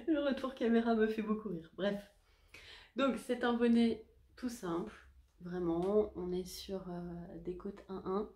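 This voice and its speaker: A woman's voice: medium pitch, slow pace, darkish tone. A woman hosting a knitting podcast, talking casually to camera in a chatty, hesitant and self-deprecating way. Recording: echoey room.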